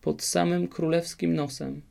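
A man's voice: on the high side, steady tone, measured pace, creaky, darkish tone, voice pushed up. A man voicing a fretful, fussy fairy-tale king who exclaims in dismay, in a storybook reading.

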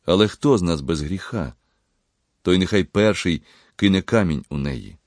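A man voicing a gentle, devout young pharmacist who speaks quietly, slowly and sorrowfully. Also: deep voice, no echo, clean studio sound, lightly acted.

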